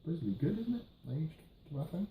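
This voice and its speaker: A man chatting casually through a tobacco review, musing and hesitant, pausing and trailing off between puffs on his pipe. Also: on the high side, sing-song, narrow, tinny audio, a little hiss or hum. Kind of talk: casual video review chat. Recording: roomy, echoey sound.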